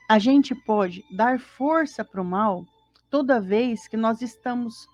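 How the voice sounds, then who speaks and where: A woman's voice: a little high, a little mellow, no room sound, muffled recording. A Brazilian woman co-hosting a spiritist gospel study from home, teaching in a conversational way, asking the listeners rhetorical questions and acting out little everyday scenes. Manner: acts out everyday voices and sighs of dismay. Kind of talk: informal spiritual teaching talk on a live stream.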